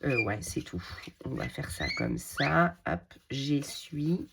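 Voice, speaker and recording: A woman's voice: very deep voice, wildly swooping pitch, slow pace, gravelly, heavy background noise. A middle-aged woman hosting a casual crafting tutorial. She is chatty, talks to herself as she works, and uses many fillers. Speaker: craft video host.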